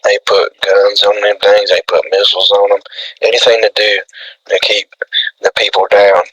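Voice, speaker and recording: Guy doing a paranoid redneck radio host, folksy drawl, monotone, raspy n sharp. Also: fairly low pitch, normal speed, slight background noise, lightly acted, poor audio. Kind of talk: improvised comedy radio role-play.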